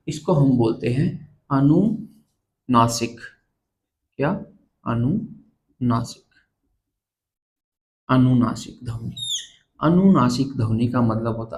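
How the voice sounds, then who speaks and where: A man teaches a grammar lesson at the blackboard in a mid-pitched voice. He talks slowly and deliberately. He repeats each key word and asks the viewer to say it back. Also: darkish tone, poor audio. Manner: slow, repeats terms and quizzes the viewer. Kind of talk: blackboard lesson explaining letters.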